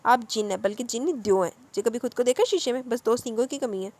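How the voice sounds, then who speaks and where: A delicate young bride from an audio novel who sulks and talks like a child, as a woman narrator reads her. She speaks fast, with a fairly high pitch. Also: a little mellow, lightly acted. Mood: indignant. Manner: childlike, sulky.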